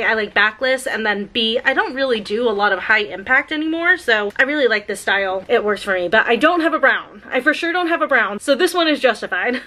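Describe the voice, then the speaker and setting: A woman in her thirties speaks in a slightly high, pushed, bright voice as she vlogs from her bedroom at home. Filmed on a camera mic, she chats casually and upbeat about a clothing haul and her makeup, thinking aloud and saying "like" a lot.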